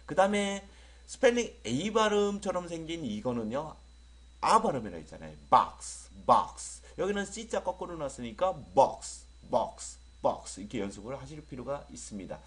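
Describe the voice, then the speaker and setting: A man teaches English vowel sounds in an online lecture. His voice moves up and down a lot. He repeats each word slowly with long vowels and jokes with his students, whom he calls friends. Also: on the high side, very animated.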